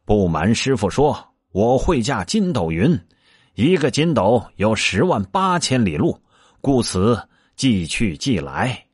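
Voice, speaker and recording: A man's voice: sing-song, takes it slowly, slightly rough, no echo, studio quality, heavily acted. A man voicing a brash, hot-tempered monkey disciple. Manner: shrill yelps when in pain.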